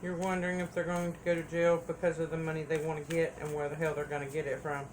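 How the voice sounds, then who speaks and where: A woman's voice: low voice, flat delivery, quick pace, darkish tone, a little hiss or hum. A woman giving a casual tarot reading, chatty and repeating phrases for emphasis. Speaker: tarot reader.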